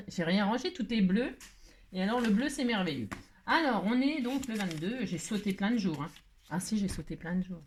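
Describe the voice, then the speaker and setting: A middle-aged woman, a crafting vlogger, chats playfully in a mid-range voice while making crafts, rambling through a tutorial with jokes, little asides, laughter, and snatches of hummed song. There's slight background noise.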